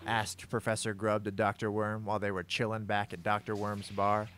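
A man's voice: fairly low pitch, level tone, normal speed, fairly bright tone, slight background noise. Man narrating with mock-dramatic flair. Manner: grandiose phrasing mixed with casual swearing. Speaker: narrator of a gameplay story.

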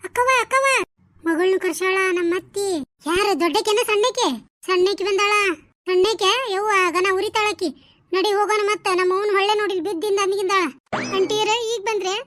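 A woman voicing bickering, gossipy village women in a cartoon, with a North Karnataka Kannada accent and quick, scolding banter. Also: extremely high pitch, steady tone, fairly bright tone. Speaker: voice of a cartoon series.

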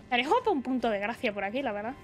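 A woman's voice: a little high, very animated, very fast, slight background noise. A young woman streamer from the Basque Country chatting casually and rambling while gaming. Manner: chatty, reads chat aloud, rambling.

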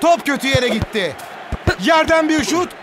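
A man voicing an excitable football commentator in a video game, with screaming, exclamatory calls. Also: very high voice, unhurried. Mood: keyed-up. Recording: game music and crowd noise behind. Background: music and stadium crowd.

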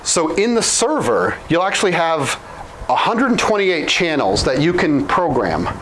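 Here the Oklahoma product trainer, in his thirties, is very animated and a little high-pitched as he works through software licensing on a whiteboard. His fast, casual talk is full of restarts and self-corrections. The lapel-mic recording from a small room is rough, with a bit of hiss or hum.

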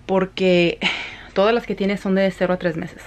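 A woman's voice: mid-range voice, steady tone, normal speed. A woman with a Mexican accent chatting casually in a rambling way as a vlogger at home. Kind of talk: casual chat.

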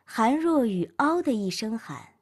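A woman narrating a workplace novel as an audiobook, reading in an expressive storytelling manner. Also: on the high side, a little slow.

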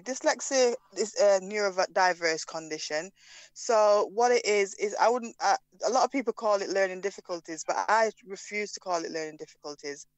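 Jamaican woman with a smooth, crisp voice. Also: lowish voice, dry recording, low-quality recording. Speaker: podcast guest. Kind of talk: casual interview.

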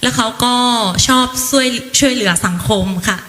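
A woman's voice: a little high, moderate pace, a bit bright. A 28-year-old woman from Laos answering interview questions politely and earnestly as a pageant contestant. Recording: echoey hall with music behind.

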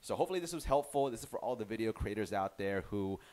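A man hosting a casual software tutorial, chatty and relaxed, often restarting his sentences. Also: fairly low pitch, quick pace. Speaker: tutorial host.

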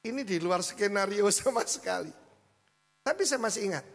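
A middle-aged male pastor preaching a sermon, telling a story with a lively manner and frequent asides to the congregation. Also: high-pitched, normal speed, gravelly. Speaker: senior pastor. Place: church hall. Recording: hall reverb with mains hum.

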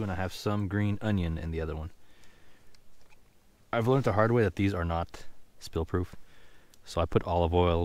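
A man's voice: deep voice, dry recording. A young man casually chatting to camera while cooking at a winter campsite in a snowy forest, offhand and thinking aloud as he goes. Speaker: outdoor vlogger.

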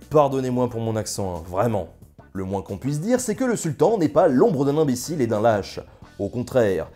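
A young man tells history with jokey, ironic asides and a very animated, bouncing pitch. His voice sits low and mellow, with soft music under it. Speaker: history video host. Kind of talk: casual scripted history narration.

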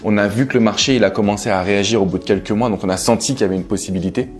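A French coach and entrepreneur, speaking in a fairly low voice at a racing pace, answers questions in a relaxed, casual interview. He sits on a sofa in a living room, recorded with a clip-on lapel mic, while soft background music plays underneath.

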